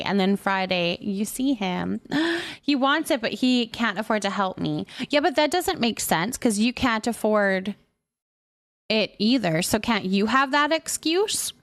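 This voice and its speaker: Reading out viewers' comments and replying to them, a live-stream host keeps things informal and relaxed. Her slightly high voice is lively and expressive, with a sympathetic warmth.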